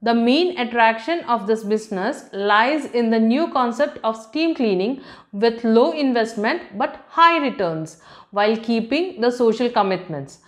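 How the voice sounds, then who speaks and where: A woman narrating a scripted promotional voice-over, reading steadily through lists of services and equipment. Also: a little high. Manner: steady, measured reading of a list-heavy script.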